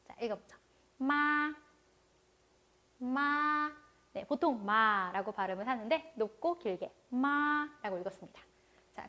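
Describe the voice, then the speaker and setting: High-voiced woman teaching a language lesson. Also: fairly bright tone. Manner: patient, repeats words slowly for learners to follow. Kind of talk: online language lecture.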